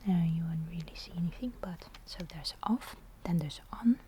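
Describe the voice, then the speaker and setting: A woman's voice: on the low side, moderate pace, mellow, a little hiss or hum. A woman whispering through an ASMR show-and-tell of a camera, hesitant and often searching for the right word. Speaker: ASMR host.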